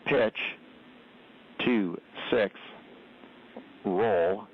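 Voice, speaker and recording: A man working as capsule communicator in mission control, reading out numbers in a deliberate, clipped procedural way over a space-to-ground radio loop. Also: fairly low pitch, breathy edge. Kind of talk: slow, measured radio readout of numbers. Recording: tinny phone-like radio audio.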